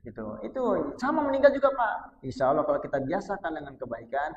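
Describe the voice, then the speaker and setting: Male preacher, conversational sermon, bursts from quiet asides to loud high emphasis; roomy, dull distant recording. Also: very animated, quick pace, crowd noise. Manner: conversational, keeps addressing listeners as "Pak". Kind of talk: casual mosque sermon. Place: small prayer hall. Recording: echoey, distant, dull-sounding mic.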